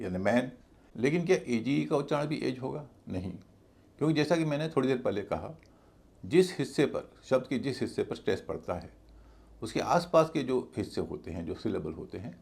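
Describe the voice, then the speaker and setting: Gravelly-voiced teacher guy, slow and patient, spells out words letter by letter. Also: medium pitch, darkish tone. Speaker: English teacher. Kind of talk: spoken lesson explaining pronunciation.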